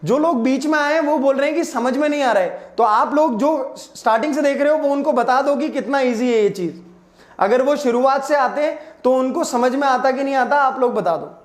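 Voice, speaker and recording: A man teaching a live online math lesson, mixing Hindi and English, drawing out key words and asking again and again whether everyone is clear. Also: extremely high pitch, reverberant. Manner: drawn-out emphatic explanations, repeatedly asking if everyone is clear; mixes Hindi and English, calls students "beta".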